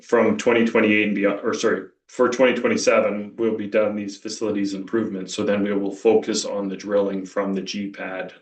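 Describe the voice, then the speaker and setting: A deep-voiced man talks on a conference call in a level, even tone, explaining technical plans step by step. His voice comes across as distant and roomy, as if he is speaking some way off from the microphone. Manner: measured, technical, walks through slides with restarts. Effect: conference call audio. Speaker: company executive presenting operations. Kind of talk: earnings call presentation.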